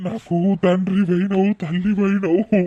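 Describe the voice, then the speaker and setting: Woman as cartoon village man, older brother, low and emotional, Telangana accent. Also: flat delivery, moderate pace, darkish tone, lo-fi sound, close to an everyday voice. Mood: pleading. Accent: Telangana Telugu. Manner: tearful, pleading. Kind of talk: cartoon voice acting.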